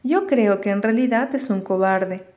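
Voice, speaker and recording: A woman voicing a spirited young girl who talks in an excitable, pleading way. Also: medium pitch, a little slow, close to an everyday voice. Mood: earnest.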